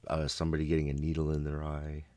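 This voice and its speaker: Very deep-voiced man, blunt and profane. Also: monotone, quick pace, dark tone, no echo. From Canada. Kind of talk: casual chat.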